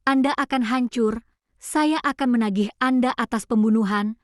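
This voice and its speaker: A woman's voice: on the high side, normal speed, dry recording, clean studio sound, lightly acted. A woman voicing a young woman who poses as a commanding police inspector and threatens a suspect, in a drama recap. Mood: stern.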